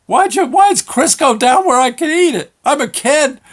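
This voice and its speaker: A man voicing a small boy who whines and sputters in a high, panicked voice. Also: animated, moderate pace. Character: small boy spitting out a bad mouthful.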